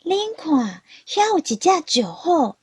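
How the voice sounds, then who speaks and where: A woman voicing an excited, pushy news reporter in a storybook, exclaiming in a hurry. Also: high voice, measured pace, husky, dry recording, clean studio sound, full character voice.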